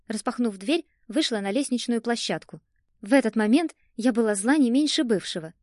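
Woman reading an audiobook, higher voice. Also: a little fast, a little mellow, no room sound, studio quality. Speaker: audiobook narrator. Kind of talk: first-person audiobook narration.

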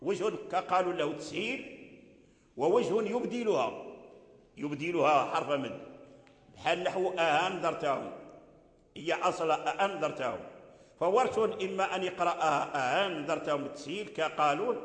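A man's voice: high voice, animated, brisk. A man, teaching Quran recitation and explaining verse by verse while repeating example words. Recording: echoey hall.

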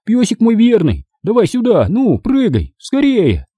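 A man voicing a panicky boy who pleads and shouts excitedly. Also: high-pitched, unhurried, slightly rough, dry recording, highs cut off, pitched above the performer's own voice, heavily acted. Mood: desperate pleading.

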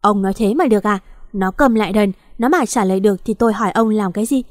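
A woman voicing a harsh, impatient older sister with a sharp, scolding manner. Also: medium pitch, fast talker, dry recording, studio quality, lightly acted.

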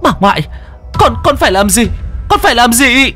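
A man's voice: very high voice, big pitch swings, normal speed, pushed and bright, soft background music, voice pushed up, exaggerated voice. A man voicing a young, frightened grandchild pleading frantically for a grandmother. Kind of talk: audiobook voice acting.

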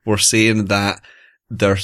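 A man's voice: lowish voice, monotone, slow pace, fairly bright tone. A man with a Glasgow accent, co-hosting a podcast with casual, colloquial rants and anecdotes. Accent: Glaswegian. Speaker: podcast co-host. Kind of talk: casual ranting chat and anecdotes.

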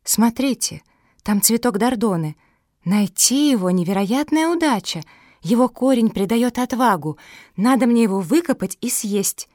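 A woman voicing a clever female pug who explains things gently and in measured words. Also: on the high side, lively intonation, dry recording, studio quality. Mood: eager.

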